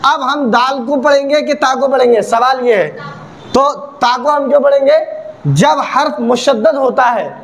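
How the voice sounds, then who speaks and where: A man teaching the rules of Quran reading in a video lesson. He asks questions and answers them himself, repeats key points, and slows down to spell out the letter sounds. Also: extremely high pitch.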